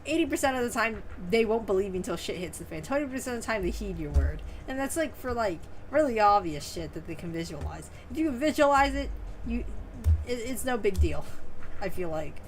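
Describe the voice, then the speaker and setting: A young woman doing casual game commentary as a streamer. She is slangy, foul-mouthed and teasing, at an average pitch. There is faint noise in the background. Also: sing-song, brisk, low-quality recording.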